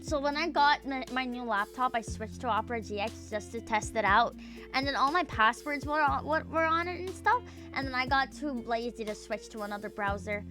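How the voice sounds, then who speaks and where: Over music, a VTuber streamer talks a little fast in a slightly high voice. This young woman reads her chat aloud and chats loosely, cursing, rambling, stuffing in fillers and letting lines trail off unfinished.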